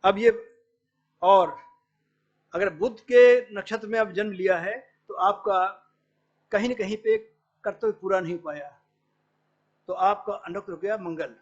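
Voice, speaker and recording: A middle-aged male professor delivers an academic lecture, explaining patiently and quoting Sanskrit verses while mixing in English words. His voice sits high and he speaks unhurriedly, with long pauses. The recording is dull and lo-fi.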